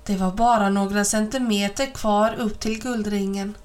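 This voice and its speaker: Woman narrator, audiobook of a children's story, even and clear, mid-pitched. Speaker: reader.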